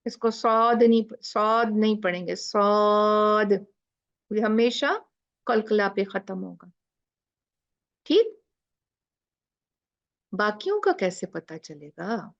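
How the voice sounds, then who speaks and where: A woman's voice: medium pitch, vocal fry, muffled recording. A woman teacher explaining recitation rules in a class, asking questions and drawing out letter sounds. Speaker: tajweed teacher.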